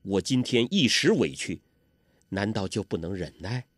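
A man voicing an earnest, simple young man who speaks low and quietly. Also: sing-song, moderate pace, no room sound, studio quality.

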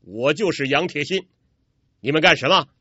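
A man's voice: mid-range voice, big pitch swings, moderate pace, slightly rough, no echo, dull audio, voice pushed down. A man doing a fierce, defiant hero. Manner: forceful, defiant.

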